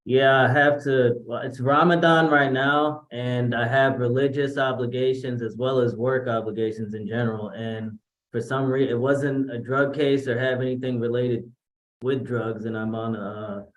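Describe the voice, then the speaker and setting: Give me a halting man on a roomy courtroom recording. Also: medium pitch, fairly even intonation. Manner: halting, searches for words. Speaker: defendant.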